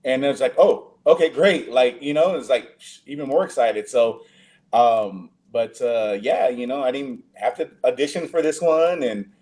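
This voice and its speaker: Laid-back man, dark voice. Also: medium pitch, normal speed. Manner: many fillers and restarts, relaxed. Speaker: actor guest. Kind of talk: casual interview.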